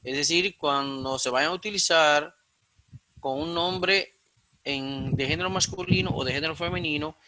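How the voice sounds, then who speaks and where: A man's voice: fairly high pitch, normal speed, bright, forceful tone, rough recording. A man with a Dominican accent teaching a recorded Koine Greek class, explaining things step by step with frequent fillers and self-corrections, and repeating points for emphasis. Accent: Dominican Spanish. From Dominican Republic.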